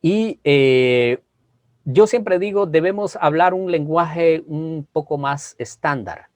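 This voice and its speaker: A man teaching a homiletics class in a church, animated, often asking "¿verdad?" and moving between strong and soft delivery. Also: slow, dry recording. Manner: animated, tag question "¿verdad?" after many phrases; varies loudness and pitch on purpose, drops to soft asides. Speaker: preaching instructor. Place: church hall.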